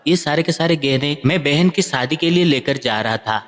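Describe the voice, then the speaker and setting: A man's voice: on the high side, moderate pace, natural voice. A man voicing a desperate, honest young man who pleads with his friend, with a long hall reverb on the recording. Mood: pleading.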